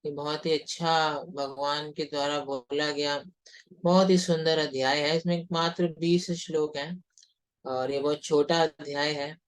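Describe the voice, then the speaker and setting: A scripture teacher who chants Sanskrit verses in a slow, measured devotional style and briefly explains the chapter between verses. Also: mid-range voice, fairly even intonation, clean tone, poor audio. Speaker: scripture teacher leading recitation.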